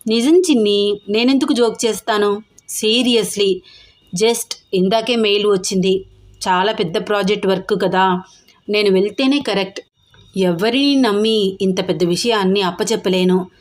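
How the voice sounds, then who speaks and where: A woman voicing an earnest young businessman who pleads softly and reassures his fiancée in an audio story. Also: medium pitch, normal speed, lightly acted. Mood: pleading.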